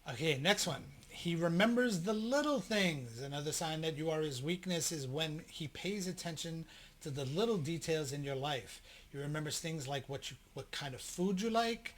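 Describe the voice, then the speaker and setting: A man's voice: a little high, a bit bright. A middle-aged man co-hosting a couple's podcast, reading list points aloud and adding blunt jokes. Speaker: podcast co-host. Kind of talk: casual couple chat.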